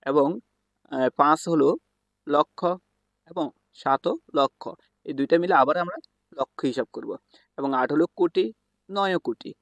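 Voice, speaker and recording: A man's voice: a little high, measured pace, long pauses, a bit bright, dry recording. A man teaching a school math lesson, explaining step by step with frequent fillers and self-corrections. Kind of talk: explaining a lesson while writing on a board.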